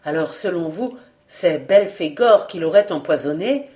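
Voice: medium pitch, expressive, a little slow, darkish tone, natural voice. A reader voicing an anxious young male reporter in an audiobook, speaking in a subdued, earnest way. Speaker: newspaper reporter in a novel. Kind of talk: audiobook character reading.

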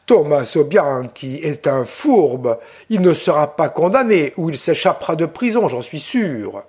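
Fierce young Corsican woman, vehement and pleading; a man voices her, slightly high voice. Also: lively intonation, measured pace, a little mellow. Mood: insistent.

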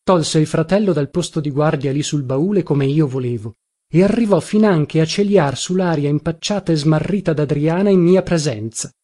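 A man reading a literary novel aloud in a measured, unhurried manner. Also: fairly high pitch, dark tone. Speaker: audiobook narrator. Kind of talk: scripted literary narration.

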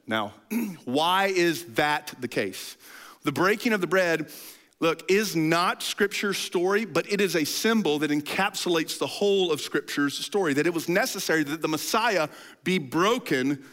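High lively guy preaching, storytelling style, keeps clearing his throat. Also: unhurried. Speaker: pastor. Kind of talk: sermon.

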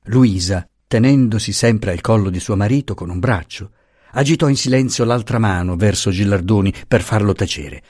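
Low, husky male audiobook narrator. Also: normal speed, a little mellow, no echo, studio quality. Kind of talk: scripted narration of a novel.

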